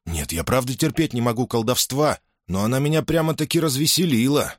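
A man reading aloud and voicing a gruff mercenary who mutters and grumbles about magic. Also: medium pitch, lively intonation, brisk, no room sound, studio quality, voice pushed up, close to an everyday voice. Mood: grumbling.

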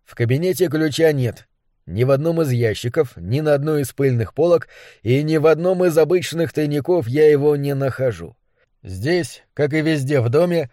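A man narrates an audiobook in a measured, dramatic first-person reading. His voice sits a little high for a man, but its tone is dark and mellow. The recording is dry and close, with no room sound. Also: dry recording. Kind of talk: scripted narration.

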